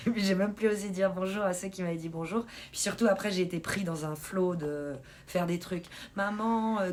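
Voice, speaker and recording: A woman hosts a casual live stream, chatting and laughing with her viewers. Her talk is loose and friendly, and she reacts to the chat as she goes. A faint noise sits behind her voice. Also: medium pitch. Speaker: livestream host.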